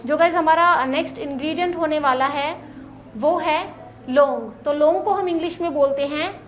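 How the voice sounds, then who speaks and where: A woman teaching vocabulary in a casual lesson, saying each word and then repeating it slowly for pronunciation. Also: high voice, a little hiss or hum. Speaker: English teacher.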